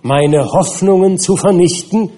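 Guy doing a bitter monster, husky and slow, hushed threats that flare up. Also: high-pitched, pitched above the performer's own voice. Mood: menacing. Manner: hushed, dragging threats swelling to outbursts. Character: vengeful male creature, bitter and menacing.

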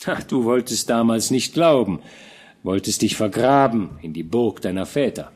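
Man voicing an old army commander, fatherly, warm, measured, lively intonation, storybook reading. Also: fairly low pitch, husky. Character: veteran male army commander, fatherly and kind. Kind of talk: audiobook character reading.

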